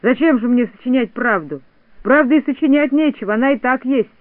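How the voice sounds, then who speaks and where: A man's voice: extremely high pitch, fairly quick, dry recording, pitched above the performer's own voice. A man doing a cheeky little boy poet. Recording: tinny phone-like dry sound.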